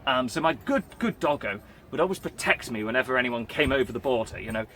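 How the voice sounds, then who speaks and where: A man's voice: medium pitch, lively intonation, fast talker, fairly bright tone, slight background noise. A man chatting casually on his vlog, rambling and playful as he tells a story in character. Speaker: vlogger recounting a live-action role-play event.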